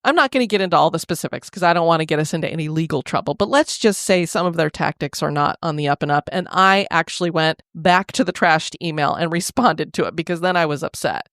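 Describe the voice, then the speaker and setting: A woman's voice: deep voice, quick pace, few pauses, a bit bright, no echo, clean studio sound. A woman co-hosting a podcast, talking casually and candidly, telling stories in a chatty way. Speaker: podcast co-host.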